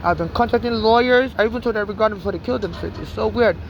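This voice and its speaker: Speaking rapid-fire at medium pitch, this Nigerian woman gives an urgent, rambling street monologue in a blended Nigerian and American accent, restarting often and saying "you know." The sound is lo-fi with slight background noise.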